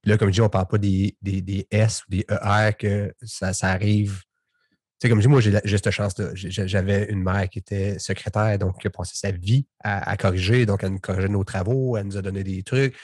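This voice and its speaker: A man with a Québécois French accent hosts a relaxed podcast interview, wandering through his thoughts with restarts. His voice sits low and a bit husky, in a dry, close recording. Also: a little fast, dry recording. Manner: rambling, conversational, many restarts. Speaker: podcast host.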